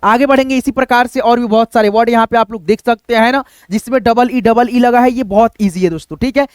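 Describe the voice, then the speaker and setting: A man gives an online lesson, sounding out short words letter by letter and tagging "right?" onto his steps. His voice is very high and smooth. The sound is dry and close, with no room around it. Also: quick pace, no room sound. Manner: spells letter by letter, often adds "friends" and "right?". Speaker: teacher. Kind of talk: online spelling and pronunciation lesson.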